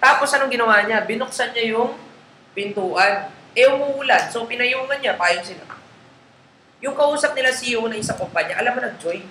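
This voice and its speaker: A man's voice: extremely high pitch, moderate pace, pushed and bright. A man coaching a group in a live training session, talking casually in Tagalog mixed with English and checking in with listeners often. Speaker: network marketing trainer. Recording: roomy echo, faint background noise.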